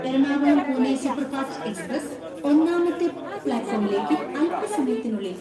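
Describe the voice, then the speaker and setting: High woman's voice on the station loudspeaker, echoing from far off, crowd all around, formal announcer style. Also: moderate pace. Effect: train station loudspeaker announcement. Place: busy railway platform. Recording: echoey distant loudspeaker over a crowd.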